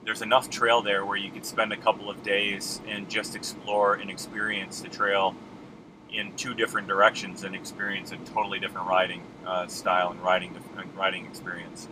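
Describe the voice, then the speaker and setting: A man in his thirties talking casually to a dashboard camera while driving, relaxed and rambling with many ums. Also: on the low side, fairly quick. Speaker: mountain bike vlogger. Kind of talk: casual vlog talk to camera. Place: inside a car while driving. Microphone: camera mounted on dashboard. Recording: car cabin with road and air-conditioning noise. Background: car and engine noise.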